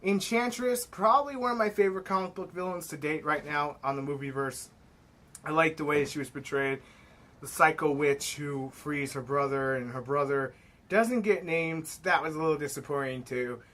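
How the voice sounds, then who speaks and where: Blunt, excitable young New York man. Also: fairly high pitch. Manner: excitable, blunt, swears freely. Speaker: movie reviewer. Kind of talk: casual spoken film review.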